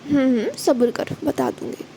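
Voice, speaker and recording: A woman voicing a caring older sister who soothes her sibling in a soft, fond tone in a storybook reading. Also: high-pitched, moderate pace, slight background noise. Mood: soothing. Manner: soft, comforting, scolding fondly.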